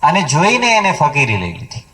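A man's voice: huge pitch swings, moderate pace, bright, forceful tone. A man telling a devotional story as a sermon at a home memorial gathering, his voice rising and dropping for emphasis. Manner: story-telling, voice swinging high and low for emphasis. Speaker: devotional speaker. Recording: voice picked up from a distance.

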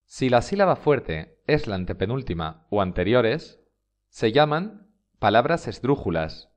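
Slow, lively Spanish teacher man. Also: medium pitch. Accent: Spanish from Spain. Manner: slow, deliberate, stresses example words. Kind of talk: scripted instructional narration.

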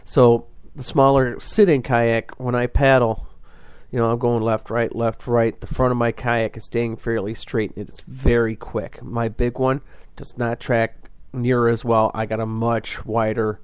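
Rambling man, flat dry delivery. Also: mid-range voice, measured pace, smooth, no room sound. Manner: rambling, with many fillers and restarts. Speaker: fishing podcast host. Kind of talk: casual explanatory monologue.

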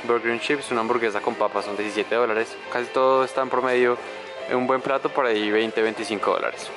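A man's voice: mid-range voice, fairly even intonation, fairly quick, over music. A young man in his twenties with a Colombian Spanish accent, talking playfully and directly to viewers in a casual travel vlog, filmed in a car and on the street. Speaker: travel vlogger. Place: small car while driving, and outdoors in town streets. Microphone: camera mounted on dashboard or held at arm's length. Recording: noisy road and street ambience.

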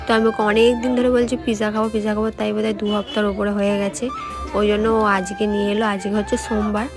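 Young woman, quick chatty voice-over with music behind. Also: medium pitch, flat delivery. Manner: chatty, talks viewers through the day. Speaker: vlogger. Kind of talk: vlog voice-over.

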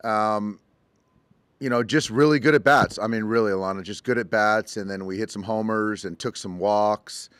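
A middle-aged man, a baseball manager, answering postgame press conference questions in a measured, halting way with many ums, at a table mic. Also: lowish voice, a bit bright, clean tone, no room sound. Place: press conference room, indoors. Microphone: table mic in front.

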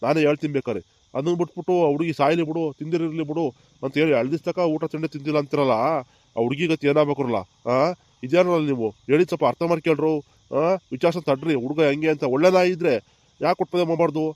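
A gentle old village grandfather, played by a man in a cartoon comedy. He talks quickly in a fairly high voice, soothing and reasoning. The sound is close and dry. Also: no room sound, natural voice. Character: kind old village grandfather, calm peacemaker.

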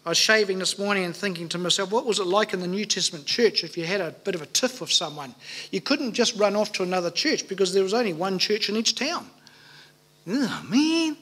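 A man's voice: high-pitched, lively intonation, brisk, a bit bright. A man preaching a sermon at a pulpit microphone in a church, earnest and emphatic, asking rhetorical questions. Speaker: pastor.

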